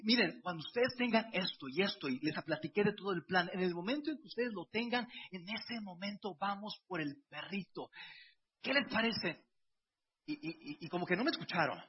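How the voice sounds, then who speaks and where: High-voiced husky pastor preaching. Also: male voice, lively intonation, normal speed. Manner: conversational preaching, personal anecdotes, repeated restarts. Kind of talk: sermon. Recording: dull lo-fi sound.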